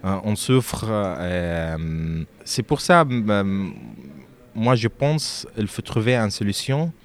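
Speaking in a voice on the low side, a Lebanese man responds to interview questions about his music. His answers come haltingly, full of fillers and false starts.

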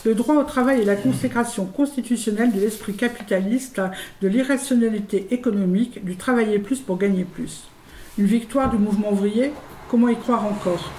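In a roomy recording with faint background noise, a woman presenting a radio show reads scripted satirical commentary, formal and rhetorical in a declamatory way. Her voice is mid-range and warm, and she talks a little fast.

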